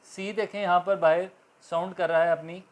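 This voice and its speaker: A man's voice: sits high, steady tone. A man with a Pakistani accent, an Urdu speaker, giving an English lesson in a classroom-style lecture and spelling words out letter by letter. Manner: slow, deliberate, spells out letters one by one. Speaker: English teacher.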